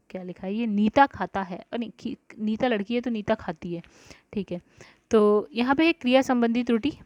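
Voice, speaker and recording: A woman whose voice is fairly high and a little mellow leads an exam-prep grammar lesson, thinking through each answer aloud. Frequent check-ins like "ठीक है" and "guys" punctuate her speech, heard in a dry, dull lo-fi recording with no echo.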